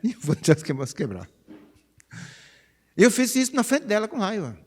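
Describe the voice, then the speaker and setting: Lively São pastor in his fifties. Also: sits high, moderate pace, slightly rough. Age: 50s. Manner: chatty, animated, peppers phrases with "né?". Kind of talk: conversational sermon. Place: church sanctuary. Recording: reverberant church hall.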